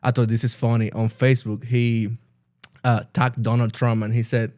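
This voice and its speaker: A man from the Dominican Republic, a pastor and guest, talking earnestly in a halting way with many restarts. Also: medium pitch, level tone, a little mellow, dry recording, studio quality. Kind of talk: casual interview.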